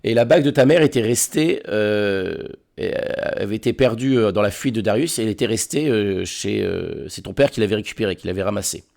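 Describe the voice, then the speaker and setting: A man narrating a tabletop role-playing game as game master, halting and often repeating words. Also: lowish voice, gravelly, darkish tone.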